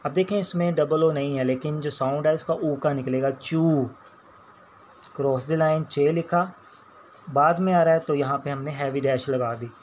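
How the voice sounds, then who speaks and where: A man with a Pakistani accent teaching a shorthand class, explaining each sound slowly and repeating words as he writes them out. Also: fairly high pitch, fairly even intonation, a little mellow, a little hiss or hum. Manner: slow, patient, repeats each sound and word. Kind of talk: classroom lecture while writing on a board.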